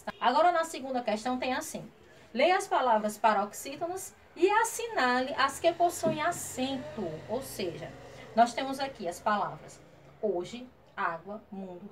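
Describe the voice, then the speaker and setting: Masked teacher, woman, a little high-pitched, patient, explains step by step, constant "right?" check-ins. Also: a bit bright. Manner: patient, checks in often with "tá?" and "certo?". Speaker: primary school teacher. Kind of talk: recorded grammar lesson for children. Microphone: wearing a face mask.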